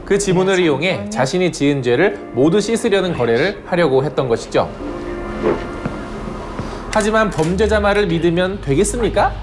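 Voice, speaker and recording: A man with a slightly high voice delivers a scripted film recap. He tells it expressively as a reviewer, with music clearly playing underneath. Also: expressive, moderate pace. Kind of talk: scripted movie recap narration.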